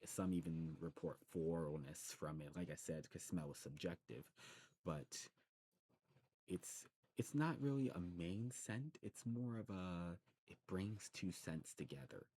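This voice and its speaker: Slight background noise sits under a man's deep, warm, somewhat slow voice. He's an ASMR performer playing a friendly demon snuff shopkeeper, knowledgeable and enthusiastic, who casually recommends products in a rambling, self-correcting way.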